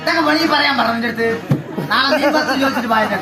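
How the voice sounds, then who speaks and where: Woman doing a mocking comedy character, high voice, echoey with loud music. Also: racing, a crowd in the background, close to an everyday voice. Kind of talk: comedy skit acting.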